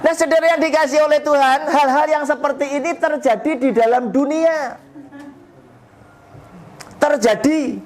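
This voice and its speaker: An older man preaching to an elderly Bible study group in a folksy way, chuckling often. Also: very high voice.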